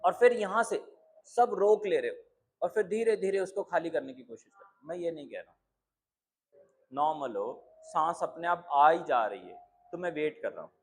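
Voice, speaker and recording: A man's voice: on the high side, expressive, moderate pace. A man leading a live breathing class, calling students forward and checking whether they understand. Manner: calls students up, checks them, asks if it is clear. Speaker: breathing instructor.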